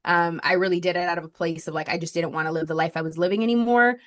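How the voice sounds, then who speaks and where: A quick-paced, fairly low voice with fairly even intonation belongs to a Colombian woman in her thirties. As a podcast guest and marketing strategist, she relates her story chattily and without pause, using plenty of fillers and "likes."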